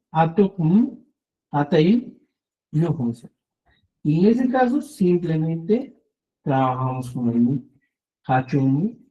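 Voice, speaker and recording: A man's voice: a little high, highs cut off. A man teaching an online language class, patiently explaining and often checking in with the students.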